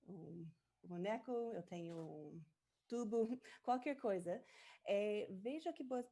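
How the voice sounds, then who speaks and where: Leading a live online workshop, this native English speaker from the United States alternates between English and Portuguese, frequently hesitating as she hunts for words. She has an American accent and a warm voice on the low side.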